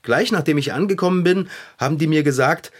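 Man playing an excitable young bike tinkerer. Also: fairly high pitch, brisk, natural voice. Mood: glum, rueful. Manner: excitable, swings between glee and gloom. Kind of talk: children's audio drama.

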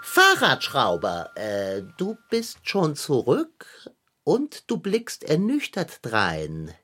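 A man's voice: a little high, wildly swooping pitch, slow pace, bright, forceful tone, full character voice. A man voicing a pompous, grandiloquent male house cat in a children's audio drama, speaking in old-fashioned, lofty phrases. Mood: lofty, concerned.

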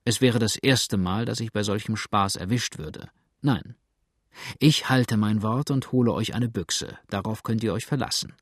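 A man's voice: fairly low pitch, moderate pace, no echo, clean studio sound, lightly acted. A man voicing a hungry, bitter male runaway who talks in an agitated, complaining way.

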